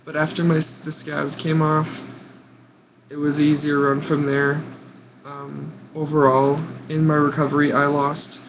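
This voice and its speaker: A young American man of about nineteen telling a personal story casually, in short halting phrases with dramatic emphasis. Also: a little high, completely flat delivery. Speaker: vlogger. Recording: muffled audio with clear background noise.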